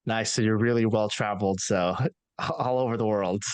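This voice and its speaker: A man's voice: fairly low pitch, fairly even intonation, normal speed, clear, resonant tone, no room sound. A young man hosting a podcast interview over a video call, asking friendly, casual questions through a headset. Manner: friendly questions with small laughs. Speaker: podcast host. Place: home office, indoors.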